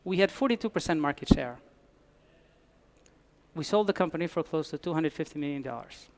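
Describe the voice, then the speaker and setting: An Albanian man delivers a conference talk in a hall, speaking fairly quickly in an animated voice on the higher side. His humor is dry, and he frequently restarts his sentences.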